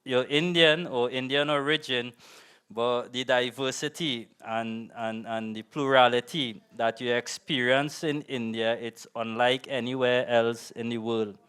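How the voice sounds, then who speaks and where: A man's voice: medium pitch, steady tone, a little slow, fairly bright tone, clear, resonant tone. A man, a professor, giving closing remarks to a group, hesitant with many fillers and restarts.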